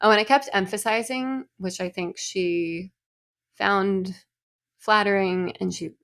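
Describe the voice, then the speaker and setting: A woman co-hosting a casual podcast, with a creaky, gravelly texture to her voice. She talks in an animated, exasperated way. Her delivery is dry and sardonic. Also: medium pitch, slow. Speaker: podcast co-host. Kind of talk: casual chat.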